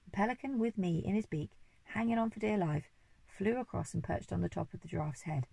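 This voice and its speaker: Expressive storybook reader, husky low-ish voice, dry and close. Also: female voice, a little fast, dry recording, rough recording. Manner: expressive, lively reading. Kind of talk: storybook reading aloud.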